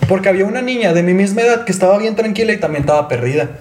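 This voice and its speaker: A young man rattles through a childhood story at high speed, his voice a touch above the usual male pitch. He rambles and laughs at himself, and the room gives a noticeable echo. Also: rapid-fire, darkish tone, a little hiss or hum. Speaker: podcast co-host. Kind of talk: casual storytelling among friends.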